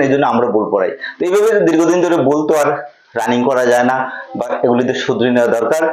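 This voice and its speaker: Echoey male teacher drilling pronunciation. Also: fairly high pitch. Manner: repeats each point with question and answer drills. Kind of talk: classroom lesson.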